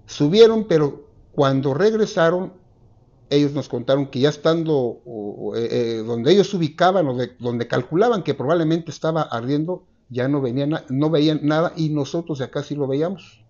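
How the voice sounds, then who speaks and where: A man in his sixties with a Mexican accent, recalling an old memory in an interview with a lapel mic, halting and full of restarts. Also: on the high side, mellow, dull audio. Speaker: eyewitness interviewee. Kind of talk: recounting a memory. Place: dark room, seated.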